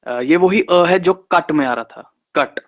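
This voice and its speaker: A man teaching shorthand in an online class, slowly repeating vowel sounds and example words. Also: a little high. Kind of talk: online lesson. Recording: slightly dull, lo-fi sound.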